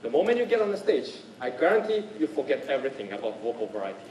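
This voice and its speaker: Man, workshop trainer, animated delivery, checks in often, roomy echo, distant mic. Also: medium pitch, fast, lo-fi sound, a little hiss or hum. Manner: lively, keeps checking in with "right?". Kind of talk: speaking skills workshop talk. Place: workshop room.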